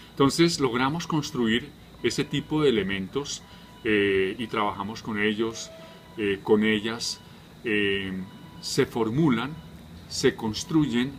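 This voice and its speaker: Low-voiced man explaining with fillers. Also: a bit bright, slight background noise. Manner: measured, many fillers, asks and answers own questions. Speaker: humanitarian health worker. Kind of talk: explanatory talk.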